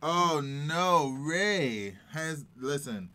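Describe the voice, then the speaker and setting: A man chatting casually on a live stream, playful and emphatic, with slangy phrasing and an expressive delivery. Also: fairly high pitch, drawn-out words. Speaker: streamer, co-host.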